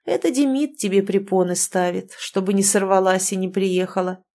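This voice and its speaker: A woman voicing a gentle, wise old grandfather who speaks softly and slowly to his granddaughter. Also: mid-range voice, fairly even intonation, close to an everyday voice. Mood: serious.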